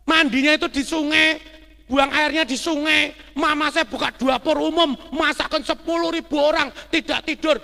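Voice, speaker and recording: A middle-aged man with a delivery teaches a church audience in a loud, storytelling style, often checking that listeners agree. His voice sits unusually high and bright, with a gravelly edge. He sounds like a lay speaker addressing a room of parishioners. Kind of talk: religious teaching talk to a congregation.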